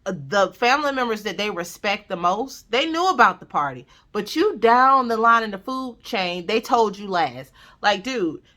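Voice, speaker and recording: Animated and sharp in tone, this Southern US vlogger talks at a moderate pace in a mid-range voice with a country lilt. Her family advice comes straight to the camera, casual and emphatic, as she repeats phrases to stress them and checks in with her audience.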